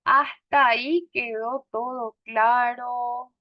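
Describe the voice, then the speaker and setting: A woman's voice: fairly high pitch, steady tone, slow pace, no room sound. A woman teacher lecturing a class, explaining points and often checking with "¿sí?". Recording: dull lo-fi sound.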